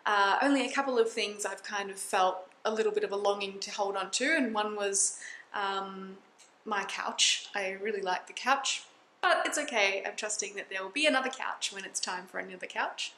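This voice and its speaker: A woman in her thirties talking to a handheld camera in a vlog, reflective and chatty with soft laughs. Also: medium pitch, moderate pace, a little hiss or hum. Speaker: vlogger. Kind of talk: casual vlog talk to camera. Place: small indoor rooms of a house. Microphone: phone camera held at arm's length. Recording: roomy sound.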